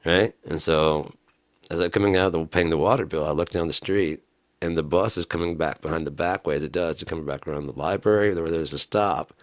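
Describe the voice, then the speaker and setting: With an extremely low, raggedy voice shaped by smoking and screaming, a vlogger tells a rambling, profane story at a fairly quick pace. He laughs frequently throughout the casual monologue, which carries no echo.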